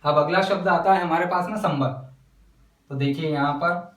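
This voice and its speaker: A man teaching a lesson on counting syllables in verse, speaking slowly and breaking words into syllables as he writes them out. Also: on the high side, fairly bright tone, roomy sound, recorded from a distance, poor audio. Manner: slow, spells out syllables while writing. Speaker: Hindi poetry teacher. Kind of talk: whiteboard lesson.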